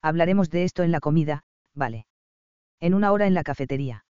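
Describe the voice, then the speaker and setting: A man's voice: fairly high pitch, fast talker, a little mellow, clear, resonant tone, no room sound, lo-fi sound, natural voice. A man voicing a blunt, nosy young woman friend in an audiobook. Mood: brash.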